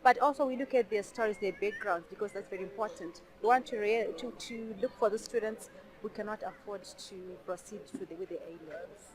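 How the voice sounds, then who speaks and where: A woman from Zimbabwe explaining how her charity selects students, clearly and plainly. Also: medium pitch, a little fast, a crowd in the background, rough recording. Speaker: charity representative.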